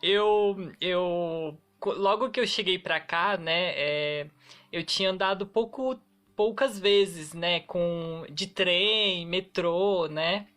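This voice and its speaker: A man's voice: sits high, slow, pushed and bright. A man telling a personal story on a podcast, hesitant and sprinkled with tag fillers. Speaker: podcast co-host, actor. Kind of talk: casual storytelling.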